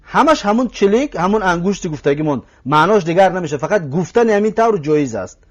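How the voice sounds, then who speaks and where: Man, Tajik accent, high voice, patient teacher, slow drilling repetition, checks on listeners. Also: lively intonation, muffled recording. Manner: patient, repeats words slowly to drill them; addresses listeners directly, asks if they follow. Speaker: Arabic language teacher. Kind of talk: recorded language lesson.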